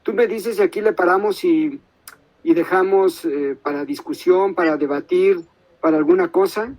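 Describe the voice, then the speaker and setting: A man giving an academic lecture over a video call, thinking aloud with many pauses and tag questions. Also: high voice, darkish tone, poor audio. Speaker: guest lecturer.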